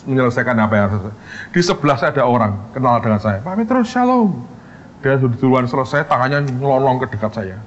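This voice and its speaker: A middle-aged man, a pastor preaching a sermon as an animated storyteller who acts out quoted dialogue with sudden jumps in pitch. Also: lo-fi sound, slight background noise. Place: church hall.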